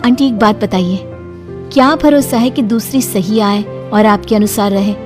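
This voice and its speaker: A woman voicing a gentle but firm young daughter-in-law in a cartoon story, earnest and pleading. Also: medium pitch, normal speed, music in the background, natural voice.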